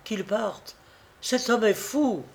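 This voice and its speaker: A woman's voice: on the high side, lively intonation, slow, creaky, pitched above the performer's own voice, heavily acted. A man reading an audiobook, voicing a proud young woman who is frightened but keeps her dignity. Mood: dignified. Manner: pleading, then indignant. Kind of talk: audiobook character voice.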